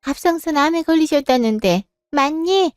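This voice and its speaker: A woman's voice: high voice, animated, moderate pace, darkish tone, no room sound, clean studio sound, soft background music. Firm, caring older mother-in-law played by a woman. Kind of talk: Korean drama voice acting.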